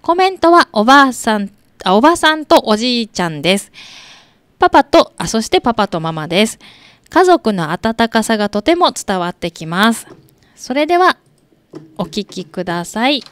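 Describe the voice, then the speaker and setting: A woman hosting a community radio show, introducing recorded birth scenes in a gentle, chatty way with soft laughs. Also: a little high, very animated, normal speed, clear, resonant tone, no echo. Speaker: radio host. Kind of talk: scripted radio presentation. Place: radio studio.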